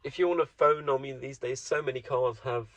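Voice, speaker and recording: A man's voice: medium pitch, a little fast, a bit bright, dry recording. Man musing wryly in a dull, dry recording. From Germany. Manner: wry, meandering, self-mocking musing. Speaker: solo vlogger. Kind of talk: rambling casual monologue.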